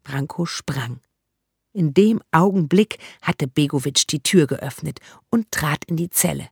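A narrator reading a children's story in a calm, even storytelling manner. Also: mid-range voice, unhurried, creaky, husky, no room sound, clean studio sound. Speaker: audiobook narrator.

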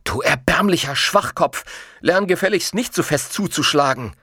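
A man's voice: medium pitch, big pitch swings, moderate pace, a bit bright, no echo, studio quality. A man reading a story aloud, voicing a scrawny young male swindler who snaps orders harshly. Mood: snapping angrily. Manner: harsh, snapping.

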